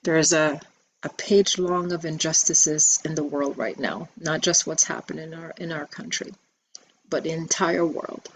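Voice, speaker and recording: A woman giving a spiritual message video, soft-spoken and reflective, with many pauses and ums. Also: deep voice, slight background noise, low-quality recording. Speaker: spiritual teacher.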